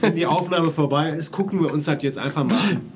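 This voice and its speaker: A man's voice: on the high side, fast talker. A man co-hosting a casual podcast chat, cracking dry, teasing jokes. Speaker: podcast co-host. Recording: noisy home recording.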